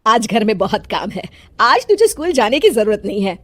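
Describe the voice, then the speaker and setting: A woman voicing a bossy, scornful old grandmother in a moral story, with a scolding manner and drawn-out exclamations. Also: fairly high pitch, big pitch swings, background noise. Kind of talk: dramatised Hindi moral story.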